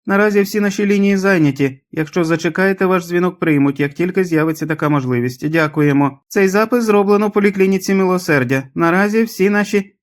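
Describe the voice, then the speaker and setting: A man voicing a hospital answering machine with a squeaky, mechanical recorded voice that repeats its announcement. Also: a little fast, few pauses, lightly acted. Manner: flat, repetitive recorded announcement.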